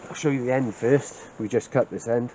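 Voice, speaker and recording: A man's voice: mid-range voice, a little fast, dark tone, highs cut off. Man, South Wales Valleys accent, casual vlog chat, self-deprecating, handheld camera outdoors, faint background noise. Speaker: camper filming an outdoor vlog. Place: outdoors at a woodland campsite.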